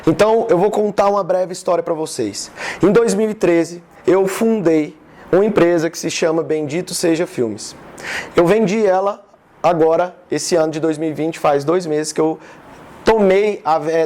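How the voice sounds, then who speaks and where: Chatting rather than lecturing, a man in his thirties from Goiás, Brazil gives an informal live talk to his audience as a relaxed business speaker. His accent is Goiás Brazilian Portuguese, and his voice sits fairly high for a man, with a darkish tone.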